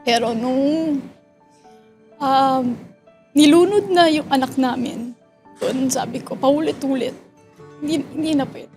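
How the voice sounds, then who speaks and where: Soft-spoken high-voiced Filipino mother. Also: slow pace, pauses often, faint music behind. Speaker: guest, mother. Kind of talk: emotional interview account.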